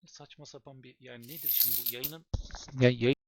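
A man live-streaming who swears heavily and rants at his chat in fast, exasperated outbursts. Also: mid-range voice, steady tone.

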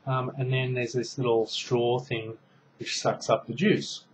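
An Australian man in his thirties casually shows off a gadget at home, rambling with many ums and restarts while his hands stay busy. His mid-range voice is level, measured, and slightly rough. It's a show-and-tell review from a small indoor room, picked up roughly by a close webcam mic.

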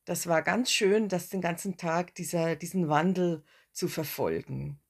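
A woman in her forties narrating her motorcycle trip in a relaxed, chatty way, with fillers and restarts. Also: lowish voice, a little slow. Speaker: motorcycle travel vlogger. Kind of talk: casual travel narration.

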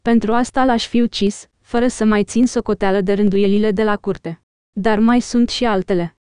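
A woman reading a hot-tempered young warrior lord in an audiobook, mocking and quick to anger. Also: medium pitch, steady tone, a little mellow, clear, resonant tone, no room sound, studio quality, natural voice.

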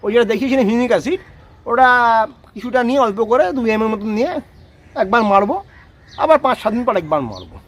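Fast, high-pitched man teaching. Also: expressive, a little hiss or hum. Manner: explanatory, repeats "ঠিক আছে?" to check understanding. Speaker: rose gardening expert. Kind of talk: casual outdoor demonstration.

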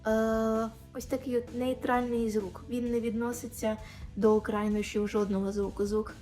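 A woman with a Ukrainian accent teaching English pronunciation, saying example sounds slowly and clearly, with faint music behind. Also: fairly high pitch, level tone, dark tone. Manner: clear, demonstrative, over-articulating example sounds. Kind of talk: pronunciation lesson.

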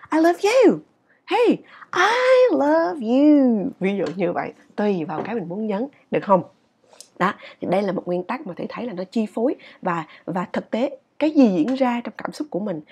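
A woman teaches English in a relaxed video lesson. Her voice is husky and her pitch swings widely as she talks. She keeps a chatty, animated rhythm and keeps checking in with her listeners.

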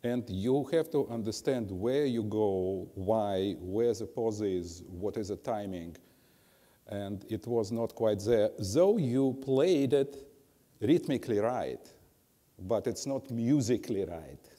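A man's voice: lowish voice, animated, slow pace, mellow. A man coaching a piano master class, scatting rhythms aloud with syllables and giving blunt, drily humorous corrections. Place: music school teaching hall. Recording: long hall reverb, faint piano.

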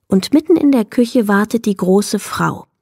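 A woman reading a children's book aloud as the narrator, telling the story in a clear, measured way. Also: medium pitch, lively intonation, mellow, no room sound, studio quality. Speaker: audiobook narrator.

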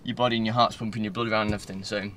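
Pitched on the low side and a bit bright, this man delivers flatly and very fast. He's a Northern English twenty-something rambling informally in a car vlog, shot on a phone at arm's length with faint interior noise.

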